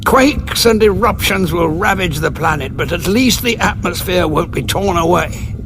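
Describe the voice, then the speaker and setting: An actor playing a weary, guilt-ridden warrior with a bitter conscience in an audio drama, grave and brooding. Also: male voice, high-pitched, expressive, normal speed, music in the background.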